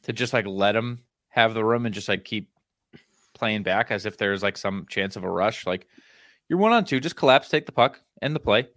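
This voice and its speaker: A man's voice: fairly low pitch, moderate pace, a bit bright, no room sound, clean studio sound. A man co-hosting a podcast, chatting casually about sports in a wry, easygoing way. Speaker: podcast co-host.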